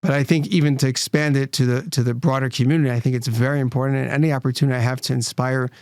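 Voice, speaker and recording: A man's voice: mid-range voice, steady tone, rapid-fire, clear, resonant tone, no echo, clean studio sound. A man, a rabbi and nonprofit leader, speaking as a guest, earnest and explanatory, often restarting his phrases. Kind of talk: interview conversation.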